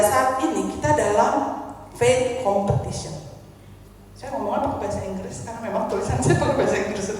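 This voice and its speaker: Middle-aged woman preacher, high voice, animated storytelling sermon, recorded from afar in a very echoey church hall. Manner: animated storytelling, acts out quoted voices, laughs often. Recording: very echoey hall, from far off, faint ambience.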